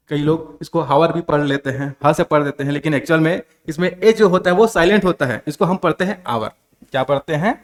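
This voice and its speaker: A man with a slightly high voice and a Chhattisgarh accent, teaching a coaching-class lesson. He keeps asking the class questions and then answers each one himself, in the steady voice of a classroom lecture. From India.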